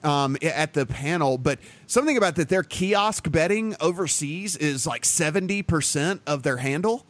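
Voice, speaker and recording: A man's voice: fairly high pitch, expressive, normal speed, hardly any pauses, a bit bright. A man hosting a podcast in casual chat, upbeat and rambling, often restarting his sentences. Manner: rambling, self-correcting, upbeat. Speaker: podcast host. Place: Las Vegas home.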